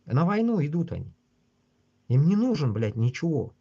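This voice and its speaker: A man with a husky voice, ranting casually and bluntly on a livestream with constant swearing. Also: fairly high pitch, sing-song, moderate pace, warm tone, muffled recording. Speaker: livestream host. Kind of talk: casual rambling livestream rant.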